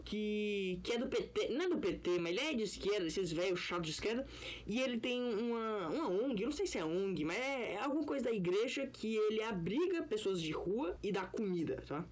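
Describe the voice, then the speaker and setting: Man on a clipping, distorted home mic. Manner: loose, profane, rambling. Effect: clipped, distorted audio from mic gain set too high. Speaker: podcast host. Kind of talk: casual solo podcast chat. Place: bedroom in an apartment building.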